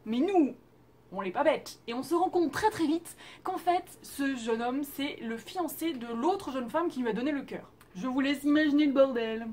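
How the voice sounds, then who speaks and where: A woman's voice: high voice, expressive, normal speed, a little mellow. A young woman hosting a casual vlog, chatting expressively about Korean dramas with playful asides. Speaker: YouTube host reviewing Korean dramas.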